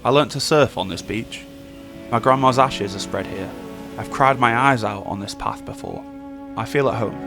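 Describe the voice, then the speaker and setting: A young man narrating a documentary in a calm, measured, reflective way. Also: mid-range voice, gravelly. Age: young adult. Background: music.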